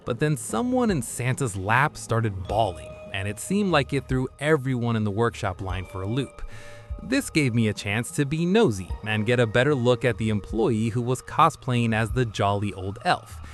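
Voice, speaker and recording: A man narrating a horror story with a lively, expressive reading. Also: medium pitch.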